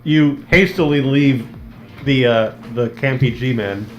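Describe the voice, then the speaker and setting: A man's voice: medium pitch, slow, highs cut off. A man acting as game master, narrating a tabletop game in a casual, improvised way. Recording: roomy echo, faint music behind.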